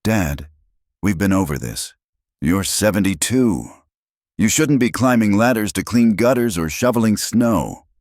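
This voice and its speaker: A man's voice: on the low side, lively intonation, measured pace, a little mellow, no echo, pitched above the performer's own voice. A man voicing a pushy, resentful grown daughter who pressures her father, in a dry close recording. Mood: pushy, upset. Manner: insistent, pressuring.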